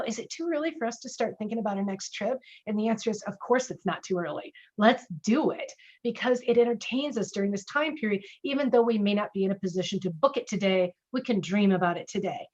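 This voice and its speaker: A middle-aged woman teaching customer service in a casual webinar, lively and conversational, acting out sample lines. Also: mid-range voice, dull audio. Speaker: speaker and customer service trainer.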